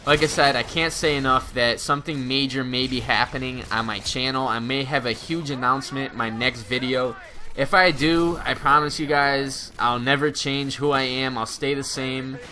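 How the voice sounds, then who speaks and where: A man in his twenties recounting high school stories over gameplay commentary, animated and slangy, laughing as he goes. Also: moderate pace, a little hiss or hum. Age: 20s. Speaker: gaming channel host.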